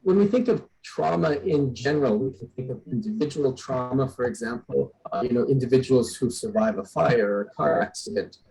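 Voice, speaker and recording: Mellow-voiced man presenting research. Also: medium pitch, creaky, rough recording. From Western Canada. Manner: measured, with frequent "uh" fillers. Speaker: guest speaker, PhD researcher. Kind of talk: academic presentation. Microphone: video call.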